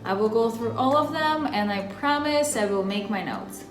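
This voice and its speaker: A woman's voice: on the high side, expressive, moderate pace. A woman from Russia with a Russian accent, hosting her own channel and explaining a topic in a chatty, friendly way straight to the viewer. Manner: chatty, friendly direct address. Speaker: channel host. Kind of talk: casual explainer vlog. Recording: roomy echo with faint music.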